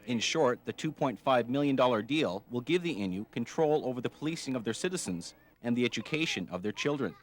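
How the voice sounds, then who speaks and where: A male TV news reporter narrates a scripted report. His voice sits at a middle pitch for a man. The delivery is that of a prepared news piece, read in full sentences. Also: expressive, fairly quick, few pauses.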